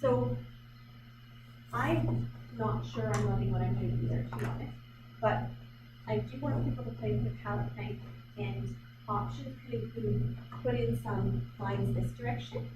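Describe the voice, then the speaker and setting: In an art gallery, a painter from Vancouver Island, Canada, talks through a live demonstration at normal speed in a medium-pitched voice, pausing often. Her chatty musing is hesitant and packed with fillers. The room echoes, she's recorded from far off, and background noise is loud.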